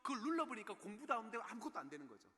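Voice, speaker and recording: A man's voice: high voice, big pitch swings, very fast, pushed and bright. A man giving a special lecture on parenting at a church, often checking in with the audience through rhetorical questions. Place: church in Seoul. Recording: echoey church hall.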